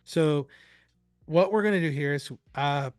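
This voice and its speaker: A man giving a live software demo in a slightly high voice, chatty and upbeat. He rambles with fillers and restarts, and the sound is close and dry. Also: a little slow, clear, resonant tone, dry recording, soft background music. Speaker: presenter.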